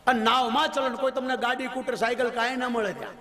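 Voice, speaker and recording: A man's voice: very high-pitched, fairly even intonation, fast. A male preacher with a Gujarati accent, telling funny anecdotes and moral lessons in a chatty devotional sermon, laughing often. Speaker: Ram Katha preacher.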